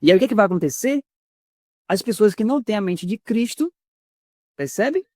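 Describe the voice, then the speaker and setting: Brazilian guy preaching a sermon, high voice, emphatic, keeps asking the crowd questions. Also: expressive, moderate pace, mellow, no echo, clean studio sound. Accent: Brazilian Portuguese. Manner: earnest, emphatic, asks the congregation rhetorical questions.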